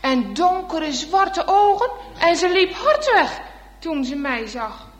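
A woman's voice: very high voice, very animated, takes it slowly, full character voice. A woman voicing an earnest, frightened young village boy in a storybook tale, telling his mother what he saw. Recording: echoey hall reverb.

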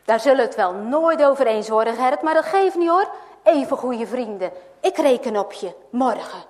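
A busy, good-natured farmer, brisk and friendly, as a woman puts him on, in a rather high voice. A long hall echo trails each phrase. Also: lively intonation, darkish tone, lightly acted. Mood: coaxing. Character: busy, cheerful middle-aged male farmer.

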